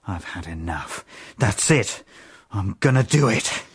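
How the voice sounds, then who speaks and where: Husky, volatile hostage-taker. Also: male voice, on the low side, animated, slow, heavily acted. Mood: angry, taunting. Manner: taunting, self-pitying. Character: volatile, bitter jilted man holding hostages, menacing and pleading. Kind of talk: radio drama acting.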